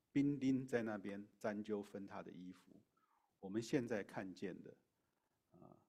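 Middle-aged male pastor, low-pitched, chatty sermon delivery, hesitant restarts. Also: creaky, mellow. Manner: conversational preaching with fillers and restarts.

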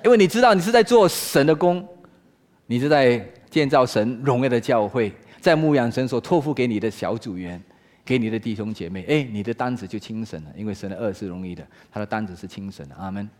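A man preaching a sermon in Mandarin, asking rhetorical questions and swinging between loud exclaiming and hushed talk. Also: mid-range voice, lively intonation, fairly quick. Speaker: pastor.

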